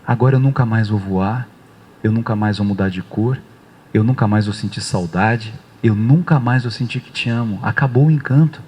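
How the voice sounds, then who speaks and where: A man voicing a tender, free-spirited enchanted bird in a spoken story, speaking slowly and gently. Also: fairly low pitch, breathy edge, rough recording. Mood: grieving.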